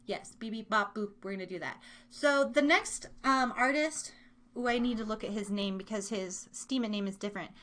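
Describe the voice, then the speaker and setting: Speaking at a normal pace in a medium-pitched, slightly bright voice, a Kansas woman hosts a live stream from her room. As a livestream and podcast host, she keeps the chat with her listeners loose, rambling and sprinkled with playful slang.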